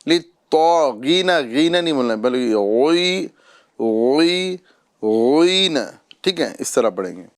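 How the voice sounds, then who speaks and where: A man with a Pakistani Urdu accent teaching Quran recitation, drawing out each word slowly and repeating syllables, then explaining in quick asides. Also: mid-range voice, big pitch swings. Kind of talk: step-by-step recitation lesson.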